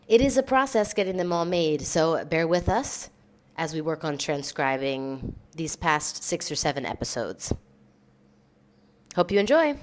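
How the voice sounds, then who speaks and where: This podcast host from Maryland, USA, has a low, darkish, expressive voice and a slow delivery. She chats casually, sprinkling English words through her Spanish in a bilingual blend.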